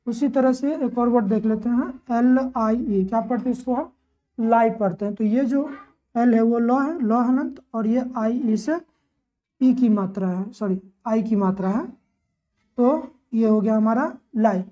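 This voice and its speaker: A woman teacher explains spelling rules at a patient, repetitive pace. She often poses a question and then answers it herself. Her voice sits a little high but sounds mellow, and the recording is slightly dull. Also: unhurried. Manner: repeats her own questions and answers them, steady teaching rhythm. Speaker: English teacher.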